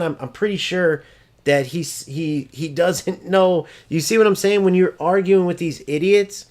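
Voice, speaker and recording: A man's voice: on the high side, a little mellow. A man ranting over gameplay footage, exasperated, profane and mocking as he vents about an opponent. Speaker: gaming streamer.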